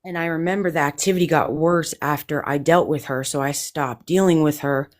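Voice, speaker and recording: Tired low-voiced woman rambling nervously on a live ghost hunt stream. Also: steady tone, fairly quick. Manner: anxious, rambling with restarts. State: exhausted, drained. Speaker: paranormal investigator host.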